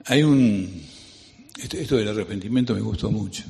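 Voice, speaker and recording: A man's voice: lowish voice, moderate pace, vocal fry, dark tone. Male preacher, Rioplatense accent, chatty and digressive sermon, keeps checking in with tag questions, long hall reverb. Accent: Rioplatense Spanish. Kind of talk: conversational sermon.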